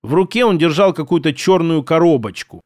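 A man narrating an audiobook in an even storytelling manner on a close microphone. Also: a little high, fairly quick, dry recording.

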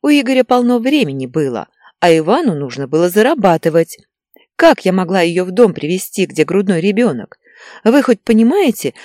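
A woman's voice: mid-range voice, no echo, clean studio sound, natural voice. A woman voicing a hysterical, tearful pregnant young wife who whines and snaps defensively. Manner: whiny and defensive, breaks into shouting.

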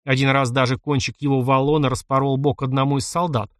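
A man narrating an adventure novel in an even storytelling voice. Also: medium pitch, fast, no room sound, clean studio sound. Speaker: audiobook narrator. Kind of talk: scripted narration.

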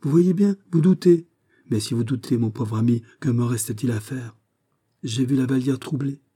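A man's voice: mid-range voice, moderate pace, dark tone, breathy edge, close to an everyday voice. A man voicing an anguished, jealous young nobleman in an audiobook, pleading with passion. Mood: desperate. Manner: pleading, impassioned. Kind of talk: audiobook reading.

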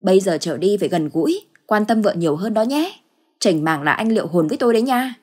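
A woman's voice: medium pitch, lively intonation, quick pace, darkish tone, slightly rough. A woman voicing a scheming, cruel older mother-in-law who puts on a sweet tone. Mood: flustered. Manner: sly, feigned sweetness.

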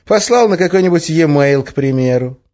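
In this slightly muffled lo-fi audiobook recording, a man voices a playful, sly young witch woman, teasing and coaxing in a lilting tone. His voice sits on the high side and is pushed up yet close to everyday speech, a little mellow, with lively intonation at a moderate pace.

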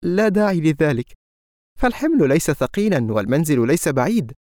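A man's voice: a little high, very animated, a little fast, a little mellow, no echo, studio quality, voice pushed up. A man reading an audiobook, voicing a guarded, teasing young woman with a mocking manner. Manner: sarcastic, mocking.

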